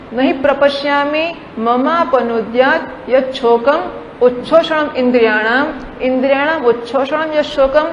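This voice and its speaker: A woman spiritual teacher giving a scripture discourse, posing rhetorical questions and mixing in English words. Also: on the high side. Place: large hall at a camp. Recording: dull recording in a reverberant hall with faint noise.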